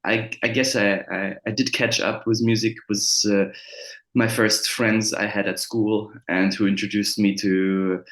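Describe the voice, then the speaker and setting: Non-native English male guest, low voice, halting delivery full of fillers, echoey room sound. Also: flat delivery, a bit bright. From France and Germany. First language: French or German. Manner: hesitant, many fillers and restarts. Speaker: musician guest. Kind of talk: casual interview. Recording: roomy echo.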